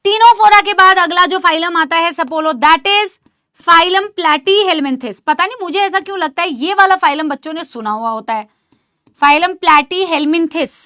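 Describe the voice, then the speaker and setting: A young woman teaching a live online biology class, chatty, repeating terms slowly for students to say along and scolding them for chatting. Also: very high voice, sharp tone, no echo, clean studio sound. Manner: drills pronunciation, chatty and scolding.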